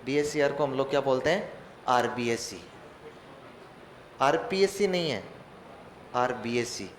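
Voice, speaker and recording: Joking teacher, echoey room. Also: male voice, medium pitch, a little fast. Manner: joking, mock-dramatic asides; asks questions and answers them himself. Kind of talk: online exam-prep class. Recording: echoey room with faint ambient noise.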